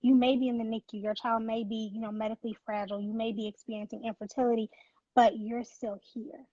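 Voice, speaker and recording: A woman's voice: a little high, flat delivery, fast talker, dark tone, dry recording, lo-fi sound. A woman who founded a nonprofit, speaking as an interview guest in an earnest, faith-driven, emphatic way. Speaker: nonprofit founder, former NICU mom.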